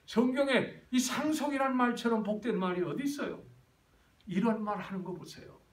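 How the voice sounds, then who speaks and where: Animated preaching man in echoey church. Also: very high-pitched, moderate pace. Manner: lively preaching, questions to the congregation. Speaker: pastor. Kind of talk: sermon. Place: church sanctuary. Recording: echoey church hall, voice from far.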